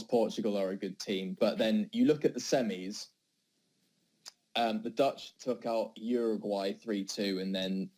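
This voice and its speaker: A man's voice: fairly low pitch, darkish tone, rough recording. A young man in a casual football debate, thinking aloud with hesitant fillers. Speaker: podcast debater.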